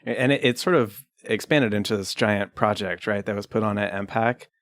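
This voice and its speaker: Male interviewer, very low voice, dry close studio sound, short prompting questions. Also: moderate pace, fairly bright tone, no echo. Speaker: radio interviewer.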